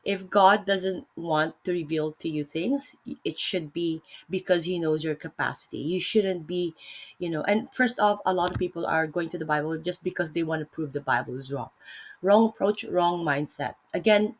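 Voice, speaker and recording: A woman with a Filipino accent gives a casual Bible study talk from her laptop as a vlogger. Her voice is lowish and her pace moderate, and she rambles, corrects herself, and fills her speech with fillers.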